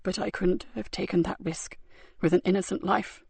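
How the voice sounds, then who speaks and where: A woman voicing a badly wounded male police sergeant, speaking faintly and haltingly as he fades. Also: mid-range voice, fairly even intonation, vocal fry, darkish tone, husky, no room sound. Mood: weak. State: weak and dying.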